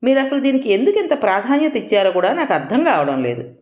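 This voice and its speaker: A woman's voice: on the high side, very animated, fast, a little mellow, echoey room, pitched above the performer's own voice. A woman reading the part of a young man who defends himself firmly to his uncle. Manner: defensive, firm. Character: young man, tense but firm nephew.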